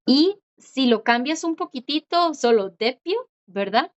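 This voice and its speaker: A woman teaching a Korean class, who repeats words slowly and keeps checking in with her students. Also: sits high, animated. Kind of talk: online class explanation. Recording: dull lo-fi audio.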